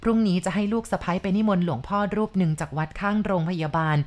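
A woman voicing a frightened older mother who pleads slowly and earnestly with ghosts in a told story. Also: fairly low pitch, darkish tone, lightly acted.

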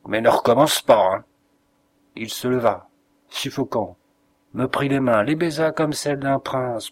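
A male narrator reading a classic short story aloud, measured and expressive. His voice sits at a medium pitch for a man. He shapes each phrase with care, as an audiobook reader does. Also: no echo.

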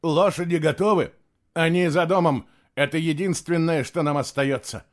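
A man's voice: a little high, steady tone, normal speed, pitched above the performer's own voice, close to an everyday voice. A man reading an audiobook, voicing a stern, proud warrior who talks with solemn command. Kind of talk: audiobook narration.

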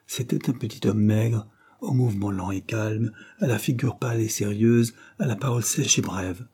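A man giving a steady, measured reading of a classic novel as an audiobook narrator. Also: fairly low pitch, breathy edge. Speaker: audiobook reader.

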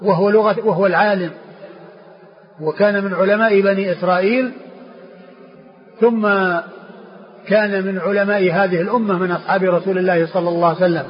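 A man's voice: high-pitched, fairly even intonation, brisk, pauses often. A man, a sheikh, explaining a classical text to students, repeating phrases and restarting words as he teaches. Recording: dull lo-fi lecture recording with faint noise.

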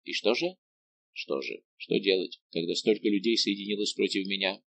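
A man's voice: on the low side, steady tone, fairly quick, vocal fry, fairly bright tone, dry recording. A man reading an audiobook, voicing a young king torn between love and duty, speaking in an anguished, earnest way.

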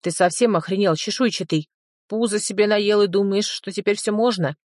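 A woman's voice: mid-range voice, normal speed, darkish tone, dry recording, clean studio sound, close to an everyday voice. A woman reading a sardonic male hero. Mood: angry. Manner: curt, sarcastic, coarse.

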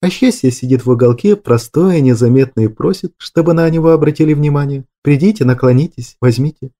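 A man voicing a dreamy, earnest young woman in love in a storybook reading, speaking softly and with rapture. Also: a little high, a little fast, close to an everyday voice.

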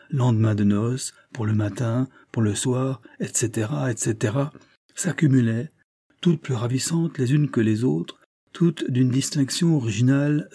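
A man narrating a classic novel aloud in a measured, even reading. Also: medium pitch. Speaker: audiobook reader. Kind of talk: literary narration.

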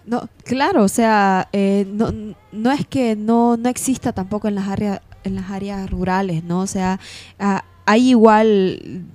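A woman with a Bolivian Spanish accent speaks as a panelist in an informal radio discussion, working through her ideas with repeated words and hesitations. Her mid-range voice is steady, unhurried and a little mellow, and the recording is dry.

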